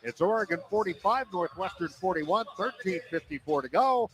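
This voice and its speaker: Man, high-pitched voice, radio basketball play-by-play, clipped urgent phrasing. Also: animated, moderate pace, crowd noise, poor audio. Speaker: play-by-play sports commentator. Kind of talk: live basketball radio commentary and sponsor reads.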